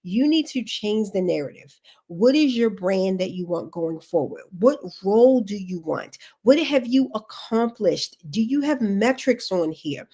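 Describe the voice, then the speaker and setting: A woman's mid-range voice, mellow with a breathy edge, unfolds unhurriedly with lively intonation. She's a livestreaming career coach, sniffly from allergies, who drives her advice home emphatically, repeating key instructions amid chatty asides.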